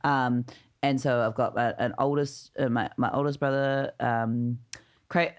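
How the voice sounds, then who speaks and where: A woman's voice: very deep voice, steady tone, measured pace. Woman, podcast guest, casual chat, chatty storyteller, frequent laughs, filler words.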